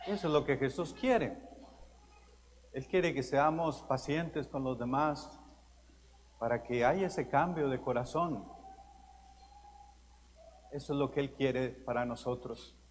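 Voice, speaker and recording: A man's voice: medium pitch, takes it slowly, pauses often. A male pastor giving a Sunday homily, telling stories earnestly and stressing his key words. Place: large church. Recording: long church reverb, faint room noise.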